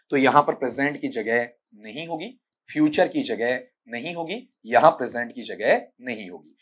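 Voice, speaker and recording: A man with a Rajasthani Hindi accent teaching English for exams, scolding students and drilling sounds. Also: medium pitch. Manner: scolding, repeatedly asks "ठीक है?" and calls students "बेटा"; spells out sounds slowly and repeats words for drilling. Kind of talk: exam-prep lesson answering student questions.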